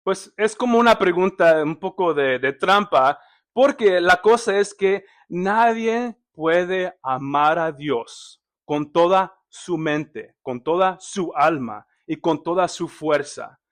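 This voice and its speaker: Slow-talking high-voiced male preacher. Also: animated. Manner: conversational, asks the congregation questions; hesitant, many fillers and restarts. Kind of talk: sermon.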